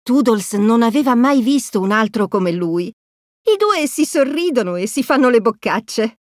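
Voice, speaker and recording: Woman narrator for a kids' storybook, fairly high and animated, dry close recording. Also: measured pace, dry recording. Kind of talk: storybook read-aloud.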